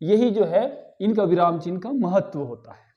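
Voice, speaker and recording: A man with a high-pitched voice teaches a grammar lesson at a normal speed, walking through it step by step and frequently checking in with his class. The audio sounds dull, and it's a classroom lecture.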